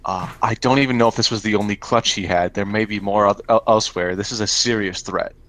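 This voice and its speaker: A man's voice: fairly low pitch, fairly even intonation, quick pace, a bit bright. A man speaking in character as a player in a tabletop game, earnest and repeating words as he starts.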